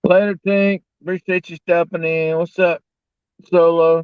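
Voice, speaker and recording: A man's voice: on the high side, little pitch movement, measured pace, clear, resonant tone, no room sound. A man with a rural American accent, chatting in a folksy, casual way as a livestream host. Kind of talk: casual chat. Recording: dull lo-fi audio.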